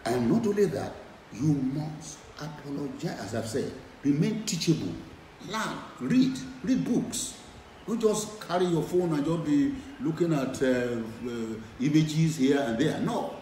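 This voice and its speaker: A man's voice: on the high side, expressive, a little slow, warm tone, roomy sound, recorded from a distance, slight background noise, low-quality recording. A middle-aged man preaching a sermon, emphatic and repeating his key phrases over and over. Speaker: preacher and former lecturer.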